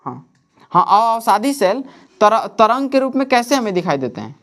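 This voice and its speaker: A man's voice: sits high, big pitch swings, moderate pace, a bit bright. A man teaching in a coaching classroom. He keeps asking the class questions and answering them himself. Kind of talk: classroom lecture.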